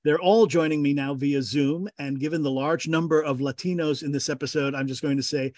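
Higher-voiced man hosting a radio interview. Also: fairly even intonation, brisk, darkish tone, no room sound. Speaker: radio host.

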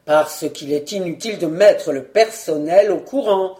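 A woman reading a storybook voices a timid, evasive baron, lowering her voice and speaking hesitantly. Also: measured pace, mellow, roomy sound, lightly acted. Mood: placating. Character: timid, evasive middle-aged baron collector.

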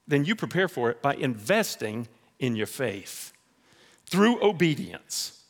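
A preacher voicing God, firm and commanding. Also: male voice, mid-range voice, very animated, a little slow, in a large hall.

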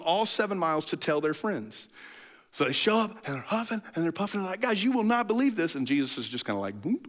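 A male pastor delivers a sermon with a high, lively voice that swoops widely in pitch. He tells the story in a casual, animated way and keeps clearing his throat between phrases.

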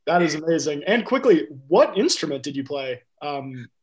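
A man's voice: a little high, sing-song, moderate pace. A man hosting a podcast, asking questions in an upbeat, casual way. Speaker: podcast host.

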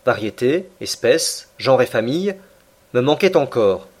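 A man in the middle of his range reads a classic adventure novel aloud. His delivery is steady and measured, the voice of an audiobook narrator. His tone stays even through long descriptive passages. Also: medium pitch.

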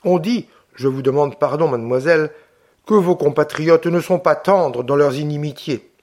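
A man's voice: a little high, moderate pace, a little mellow, natural voice. A man voicing a talkative, kindly woman who keeps the farm. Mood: chatty. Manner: talkative, apologetic.

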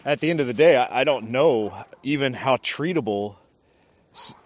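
A man's voice: medium pitch, expressive, normal speed. A man who served as an army drill sergeant, talking casually and hesitantly, thinking aloud as he speaks. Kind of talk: casual conversation.

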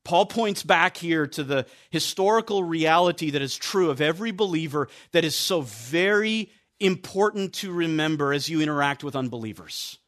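A man's voice: on the high side, animated, moderate pace, hardly any pauses, a bit bright. A male pastor preaching a sermon in an earnest, emphatic way, repeating key phrases and often restarting words.

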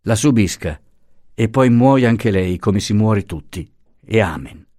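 An icy, bitter young mother who speaks with quiet, deadly cold scorn, as a male narrator reads her lines. The voice is low and dry, with lively rises and falls in pitch. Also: measured pace, no room sound. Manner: icy, flat contempt.

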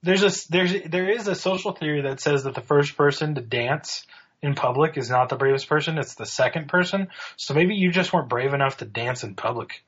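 A man's voice: on the high side, brisk, fairly bright tone, slightly rough. A male podcast host chats in a conversational way and keeps the discussion moving with questions. His voice comes through dull, lo-fi call audio. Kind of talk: casual chat. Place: home in Los Angeles.

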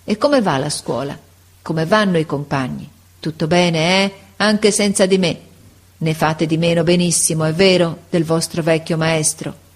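A woman's voice: sits low, fairly even intonation, a little slow. Woman reading as a tender, ailing old teacher. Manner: tender, sighing, encouraging. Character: sick old male schoolteacher, affectionate and weary.

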